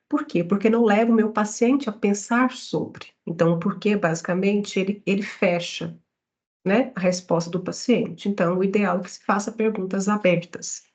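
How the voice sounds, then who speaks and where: A woman's voice: mid-range voice, a little mellow. A woman leads a psychology study-group lesson. Her voice sits in a middle range, and she explains point by point, often ending a phrase with a small questioning tag. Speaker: psychology lecturer. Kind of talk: online study-group lecture.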